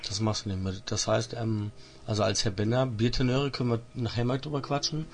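A man's voice: medium pitch, fairly even intonation, fairly quick, slight background noise. A man hosting a casual radio interview, chatty and laughing at his own jokes. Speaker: radio host.

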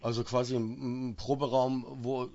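A man's voice: mid-range voice, level tone, moderate pace, highs cut off, heavy background noise. A man in his fifties hosting a casual radio interview, chatty and joking, with many fillers and restarts. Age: 50s.

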